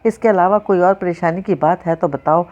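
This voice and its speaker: A gentle young man, his low voice calm and unhurried as he comforts a worried relative, read by a woman narrator. The audiobook reading keeps him soothing and protective. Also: lo-fi sound, close to an everyday voice.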